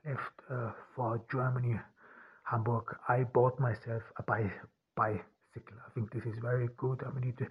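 A man from Austria talking alone on his podcast, halting often and repeating words as he restarts his sentences. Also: on the low side, breathy edge, dull audio. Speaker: podcast host and author. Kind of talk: unscripted solo podcast monologue.

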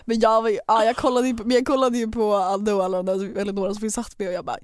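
A woman in her twenties co-hosting a podcast, chatting quickly and casually with lots of fillers. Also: medium pitch, level tone, no echo, studio quality. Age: 20s. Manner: chatty, fast, full of fillers like "så här" and "liksom". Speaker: podcast co-host.

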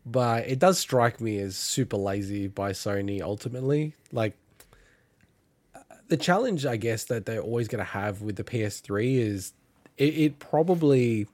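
A man's voice: mid-range voice, normal speed, no echo. An Australian man giving his opinionated take in a casual gaming chat. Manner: opinionated, animated rant. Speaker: podcast co-host.

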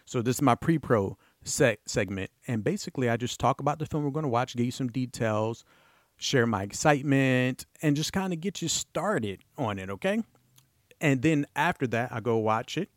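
A man hosting his own podcast in casual solo talk, excitable and rambling, with playful bursts of emphasis. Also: medium pitch, normal speed, dry recording, studio quality. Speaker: podcast host.

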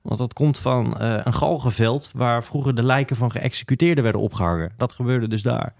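A man's voice: mid-range voice, fairly quick, vocal fry, darkish tone, dry recording. Dutch guy w broad utrecht accent, wry podcast chat, pretty dry close sound. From Utrecht, Netherlands. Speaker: podcast panelist on football history. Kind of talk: casual chat, storytelling.

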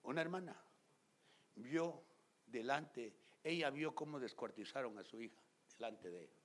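A man preaching a fiery sermon as pastor. He talks straight to the congregation, gets loud and emphatic, and acts out scenes in other voices. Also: mid-range voice, lively intonation, normal speed. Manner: loud and emphatic, often shouting.

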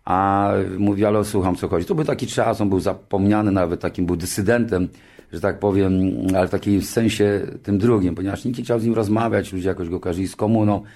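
A man in his sixties, a television show creator, telling an anecdote in a lively way. He often restarts his sentences and jumps into higher voices when he quotes other people. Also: fairly quick. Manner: frequent restarts and filler words. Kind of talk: anecdotal storytelling.

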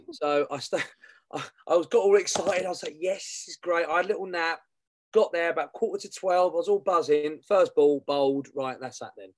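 A man talks in a slightly high-pitched voice, recorded very dry. He co-hosts a casual football show. His delivery is chatty and colloquial, full of banter. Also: fairly quick, dry recording. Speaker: podcast co-host.

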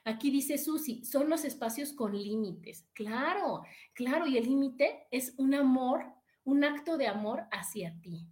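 Mexican woman, middle-aged, high voice, chatty motivational talk, speaks straight to her viewers. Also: expressive, a little slow. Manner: warm, chatty, addresses viewers directly. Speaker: live-stream host reading viewer comments.

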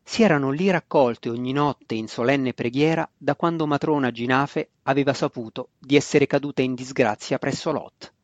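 A man reading a fantasy novel aloud in a steady, measured scripted narration. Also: mid-range voice, dry recording. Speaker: audiobook narrator. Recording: dry, slightly dull lo-fi recording.

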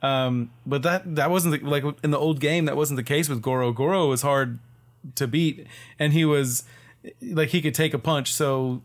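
A man co-hosting a podcast in casual chat, rambling and halting as he searches for words. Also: a little high. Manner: rambling, halting, with many restarts and fillers. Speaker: podcast co-host.

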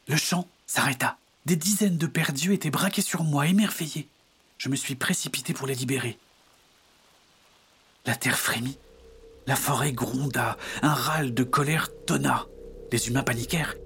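A man reading a storybook tale as narrator with steady, vivid telling. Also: medium pitch.

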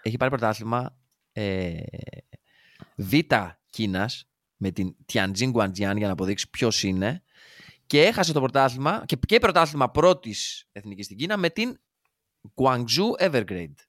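Animated Greek man on a dry podcast mic. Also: medium pitch, no room sound. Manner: animated, jokey, trails off mid-sentence. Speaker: podcast co-host. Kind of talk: casual football chat.

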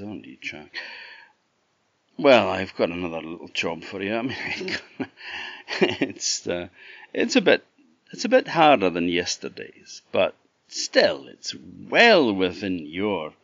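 A man's voice: deep voice, creaky, fairly bright tone, no room sound, lo-fi sound, full character voice. A Scottish man voicing a sly supernatural lord in a folk tale, mockingly genial and needling with his questions.

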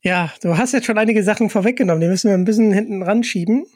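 A podcast host chats casually with a guest and puts questions to them in an informal interview. His high-sitting voice is very fast and darkish in tone, recorded in studio quality with no room sound.

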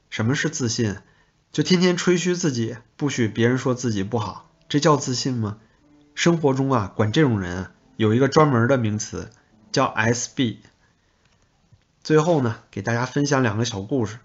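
A man from China hosting a podcast, delivering blunt, sarcastic political commentary with crude insults. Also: mid-range voice. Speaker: podcast host. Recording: slightly dull lo-fi audio.

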